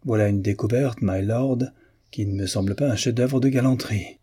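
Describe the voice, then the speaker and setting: A man voicing a sharp-tongued satirical woman over thirty with a cutting, ironic manner, reading a classic novel aloud. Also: lowish voice, moderate pace, slightly rough.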